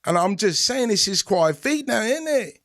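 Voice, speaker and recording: A man's voice: extremely high pitch, normal speed, no room sound, studio quality, pitched above the performer's own voice. A man putting on a cocky British bloke. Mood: mocking. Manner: cheeky, swearing, calls people mate. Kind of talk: comedic impression in a podcast chat.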